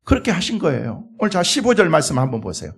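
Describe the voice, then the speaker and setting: Gravelly high-voiced male pastor preaching. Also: quick pace. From Korea. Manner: animated storytelling, acting out dialogue. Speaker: senior pastor. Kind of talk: sermon.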